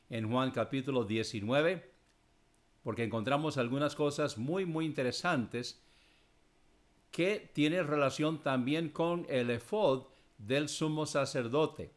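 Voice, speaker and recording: A man answering listeners' Bible questions, reading scripture verses aloud and explaining them in a measured way. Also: mid-range voice.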